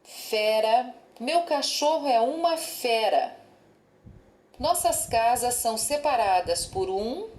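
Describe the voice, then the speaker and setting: A woman reading exercise prompts aloud in a measured way. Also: on the high side, expressive, a little mellow, reverberant, rough recording. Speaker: lesson narrator.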